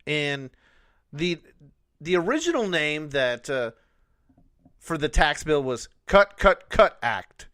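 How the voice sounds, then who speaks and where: A man's voice: on the high side, sing-song, slow pace, long pauses, a bit bright, no room sound, clean studio sound. A man hosting a casual talk radio show, upbeat and teasing. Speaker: radio host.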